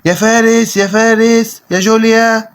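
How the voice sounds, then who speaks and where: Woman doing a deep-voiced stern Egyptian dad. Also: steady tone, moderate pace, lightly acted. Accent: Egyptian Arabic. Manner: lowered gruff scolding tone. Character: grown man, the father, stern but calm. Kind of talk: playful toy role-play voicing.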